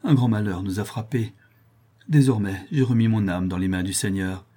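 A man's voice: fairly low pitch, moderate pace, mellow, breathy edge. A man reading aloud and voicing a distraught young nun, broken and ashamed, with anguished, pleading speech.

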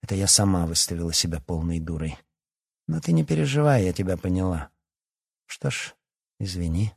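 A man with a low, husky voice voicing a proud, blunt young werewolf princess in an audiobook. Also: big pitch swings, moderate pace, a little mellow, dry recording, studio quality, heavily acted. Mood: cold, hurt.

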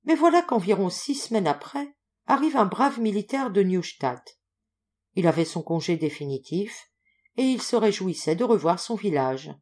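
A woman voicing a chatty, gossipy male junk dealer in an audiobook, telling his tale loudly and with lots of exclamations. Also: mid-range voice, normal speed, close to an everyday voice. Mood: storytelling. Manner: loud, exclaiming, animated storytelling. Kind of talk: audiobook character voice.

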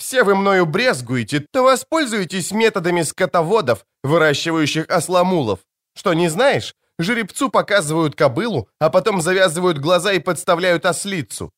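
A male audiobook reader voicing a defiant, hot-tempered young woman who answers with sharp, mocking retorts. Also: high voice, sing-song, normal speed, no echo, clean studio sound, pitched above the performer's own voice. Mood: furious mocking. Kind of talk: audiobook character reading.

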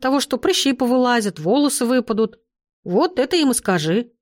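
A woman voicing a scrappy red-haired street boy in an audiobook, with a gruff, blunt and teasing way of talking. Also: fairly high pitch, expressive, a little fast, a little mellow, no room sound, studio quality, voice pushed up, close to an everyday voice.

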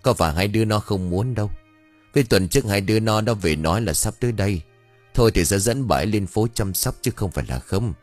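A man voicing a calm villager who chides a neighbour, speaking lower than usual. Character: calm villager scolding back, reasonable.

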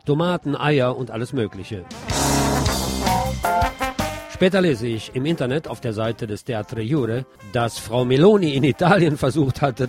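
A man with a mid-range voice hosts a radio show, giving an expressive theater review in monologue form. He addresses his listeners formally.

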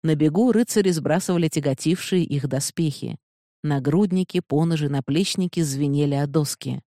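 An audiobook narrator reading a fantasy novel in a measured, steady way, close to the mic. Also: medium pitch, no echo.

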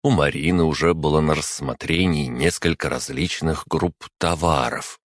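A man narrating a first-person story in a calm, even storytelling manner. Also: very deep voice, normal speed, no echo. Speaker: audiobook narrator.

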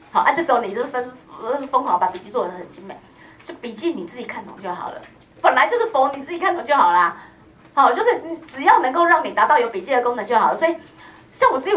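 Lively, fast-talking woman teacher. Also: fairly high pitch, far from the mic. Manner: chatty, teasing, lively, peppers speech with "hao" and "ha". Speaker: law exam prep teacher. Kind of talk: classroom lecture. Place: classroom.

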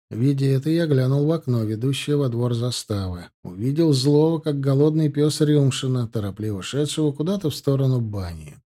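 Brief: male audiobook narrator, warm mellow tone, steady scripted reading. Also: mid-range voice.

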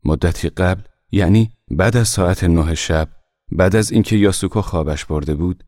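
Deep-voiced male audiobook narrator, calm and measured, dry close sound. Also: dry recording. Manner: calm, measured, soft-spoken reading. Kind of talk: scripted narration.

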